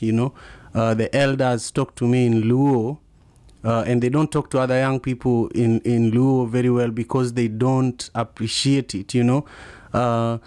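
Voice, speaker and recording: A man with a strong Kenyan accent hosts a conversational podcast. He grew up speaking Luo and Kiswahili, and his voice sits at a middle pitch in a dry, close recording. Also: a little mellow, clean tone, no echo. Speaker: podcast host. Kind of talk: casual conversational interview.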